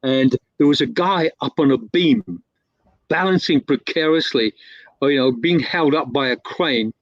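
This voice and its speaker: Rather slow and medium in pitch, a male guest works through a long story in a loose, rambling manner, full of fillers and self-corrections as he restarts. The dull, dry, lo-fi recording has no room sound.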